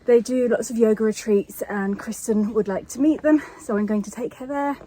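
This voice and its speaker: A woman's voice: fairly high pitch, moderate pace, mellow, a little hiss or hum, low-quality recording. A woman talking casually to camera in a vlog while climbing mountain steps outdoors, out of breath. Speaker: vlogger.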